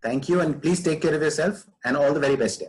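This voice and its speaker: A man's voice: on the high side, quick pace, low-quality recording. Guy on a podcast, earnest advice, kinda emphatic, repeats himself to make the point. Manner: emphatic, repeats phrases for stress. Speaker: podcast guest, actor.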